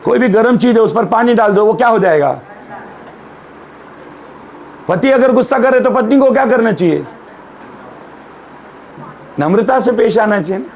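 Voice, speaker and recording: High-voiced male pastor preaching. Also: lively intonation, normal speed, pauses often, a little mellow, a little hiss or hum. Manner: humorous storyteller, asks the congregation questions. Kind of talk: Hindi sermon with jokes and rhetorical questions.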